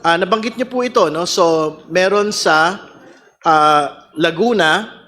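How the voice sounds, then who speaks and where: A man with a Filipino accent and a fairly high voice. He questions formally as a congressman in a hearing, choosing his words deliberately and often halting between them. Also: bright, forceful tone. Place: legislative hearing room, over microphone.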